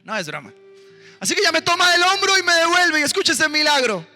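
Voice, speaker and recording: A man, a missionary preacher, telling a testimony in a sermon in an animated way and calling on the congregation to respond. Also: very high-pitched, quick pace. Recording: roomy hall with music behind.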